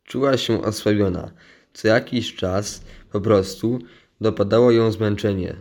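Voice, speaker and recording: Man reading a story very slowly. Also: on the low side, a little mellow.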